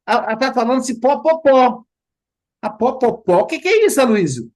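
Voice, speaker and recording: A man's voice: extremely high pitch, brisk. A man hosting a study group, explaining in a casual teaching talk and livening it up with playful imitations. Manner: animated storytelling with playful imitations.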